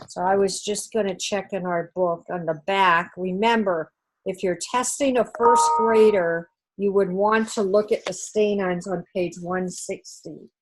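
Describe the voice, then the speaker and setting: A woman teacher with a New Zealand accent speaks in a steady, medium-pitched voice over some background noise. In an online class, she slowly and methodically works through a test's scoring one step at a time.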